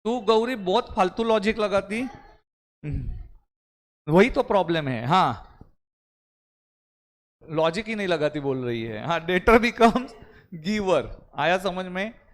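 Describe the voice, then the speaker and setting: A man's voice: high voice, lively intonation, slow, pauses often. A man teaching an accounting class, quizzing and scolding his students, mixing Hindi with Indian-accented English terms. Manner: scolds and quizzes students, calls them beta. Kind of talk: live class lesson.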